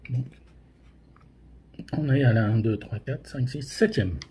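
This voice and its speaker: Mouth burning from the spicy food, a man hosting a hot sauce tasting challenge offers relaxed, halting commentary. His mid-range voice is unhurried, warm and husky.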